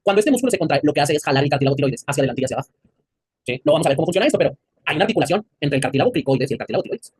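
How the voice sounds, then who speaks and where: A man's voice: a little high, animated, racing, darkish tone, slightly rough, no echo. A man with a Mexican accent teaching an anatomy class, quizzing his students and joking in crude slang. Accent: Mexican Spanish. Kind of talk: classroom lecture.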